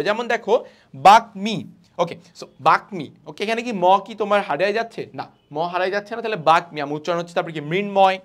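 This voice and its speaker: A young man teaching an online grammar class. He asks the students questions, answers them himself and repeats the example words slowly. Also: high voice.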